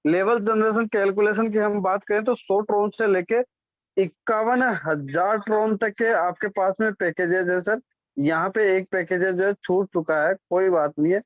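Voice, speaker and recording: A man's voice: high-pitched, steady tone, moderate pace, no room sound. A man presenting and explaining a business plan, checking in with his listeners often and correcting himself as he goes. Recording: dull, dry lo-fi sound.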